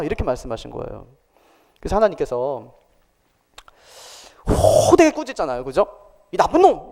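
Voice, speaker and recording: A man's voice: high-pitched, a little mellow, long reverb tail. A male pastor preaching a sermon in a church, talking conversationally and asking the congregation questions.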